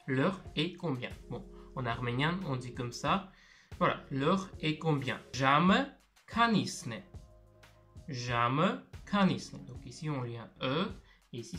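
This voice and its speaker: Slow, patient male language teacher. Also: mid-range voice, a bit bright. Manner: patient, repeats words slowly for learners. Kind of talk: video lesson, explaining step by step.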